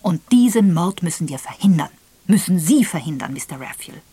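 A woman voicing a shrewd, gentle elderly spinster detective who speaks softly, half in a whisper, in an audiobook. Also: lowish voice, animated, moderate pace, dry recording. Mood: earnest.

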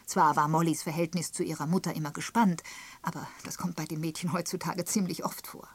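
A woman reading the part of a gossiping, sharp-tongued spinster in an audiobook, pointed and emphatic in tone. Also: low voice, fairly even intonation, brisk, husky. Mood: gossipy. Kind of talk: audiobook character voice.

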